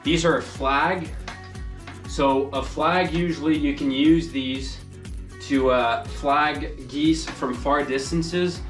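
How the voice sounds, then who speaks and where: Slow and steady in tone, a man with a fairly high-pitched voice casually explains things during a hands-on hunting tutorial. The recording picks him up from afar, echoing, with music underneath.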